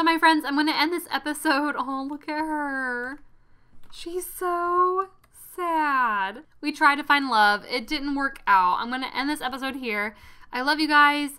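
Excitable young woman with a bright voice. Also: sits high. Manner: chatty, excitable, bossing her game character around. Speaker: gaming channel host. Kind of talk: casual let's-play commentary.

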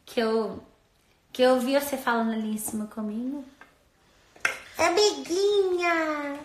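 A woman's voice: on the high side, steady tone, normal speed, background noise. A woman chatting casually into her phone as an influencer, rambling and playful. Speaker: social media influencer. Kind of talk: casual phone stories chat. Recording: roomy echo.

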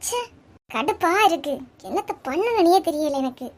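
A sulky, snappish college girl in a cartoon comedy, as a woman voices her, with a Kanyakumari Tamil accent. She grumbles and snaps sarcastically in a high voice. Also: expressive, moderate pace. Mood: grumbling. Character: grumpy college girl bickering with her sister.

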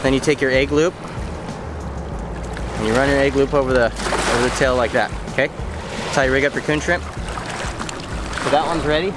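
A man's voice: medium pitch, moderate pace, long pauses, over loud music. A young man hosts an outdoor fishing tutorial on a riverbank. He talks viewers through each step in a casual, instructive way, often checking in with "okay?". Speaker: fishing channel host. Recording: loud outdoor river ambience behind voice.

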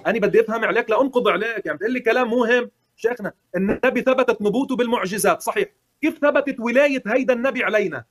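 Man, Lebanese accent, very fast talker, fairly high voice, argumentative, colloquial, heated debate.

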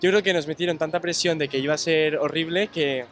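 A man's voice: on the high side, steady tone, fairly quick, a little hiss or hum. Cheerful young man on a street. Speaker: interviewee. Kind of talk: casual street interview answers. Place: outdoors on a city street. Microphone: handheld microphone held by the interviewer.

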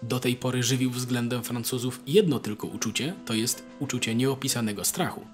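A man reading a classic story aloud as a narrator, in a measured, expressive storytelling manner. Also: medium pitch. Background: faint music.

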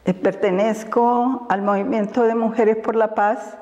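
Slow-spoken older Honduran woman. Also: on the high side, fairly even intonation, darkish tone, big-room sound, highs cut off. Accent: Honduran Spanish. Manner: slow, deliberate, reflective with frequent fillers and laughs. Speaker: women's rights defender. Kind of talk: interview answers. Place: indoors in front of a banner. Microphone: lapel mic.

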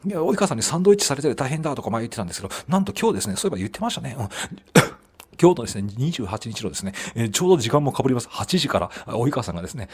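A middle-aged man vlogging quietly from a hotel room, keeping his voice down and chatting in a casual, talkative way. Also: medium pitch, big pitch swings, husky. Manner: hushed, deliberately quiet talk; chatty, peppers phrases with "desu ne". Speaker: news vlogger. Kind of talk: casual vlog with news commentary.

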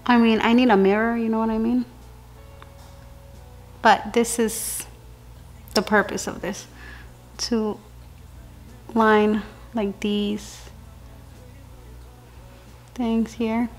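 A young woman who works as a dental hygienist chats casually to her vlog viewers from her car and living room, talking close to the camera and calling them "baby girl." Her fairly high voice is flat and slow with long pauses, over soft background music.

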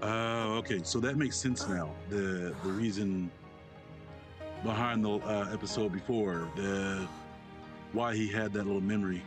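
A man's voice: on the low side, fairly even intonation, unhurried. A man giving casual, musing gameplay commentary with some mild swearing. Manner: musing, mildly profane. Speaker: video game player commenting. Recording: game music behind voice.

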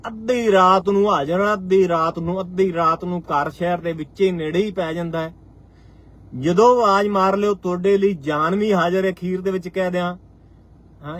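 Fiery high-voiced Punjabi man. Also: a bit bright. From Punjab, India. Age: 40s. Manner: fiery, rhetorical, repeats phrases for emphasis. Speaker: farmers' union state leader. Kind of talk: impassioned live-stream address.

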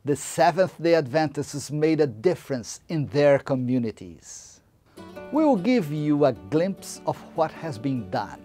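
A man giving a slow, measured scripted narration. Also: on the high side, very animated, dark tone, faint music behind.

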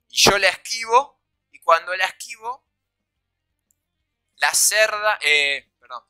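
Hombre rioplatense contando anécdotas con mucha energía. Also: male voice, high-pitched, no room sound, low-quality recording. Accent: Rioplatense Spanish. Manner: acts out quoted voices, shouts and sound effects. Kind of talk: animated comedic storytelling.

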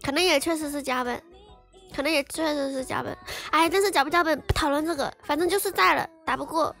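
A woman's voice: high voice, fast, vocal fry, a bit bright, soft background music. A young woman streamer chatting on a voice call, laughing often and close to tears, feeling sorry for herself. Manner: laughing and tearful, self-pitying. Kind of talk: casual voice-call chat.

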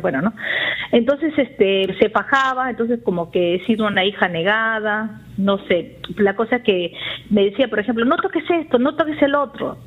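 Husky woman calling in. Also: mid-range voice, phone-quality sound. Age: 40s. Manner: rambling, confessional, emotional. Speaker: radio caller. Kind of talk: call-in confession to a therapist.

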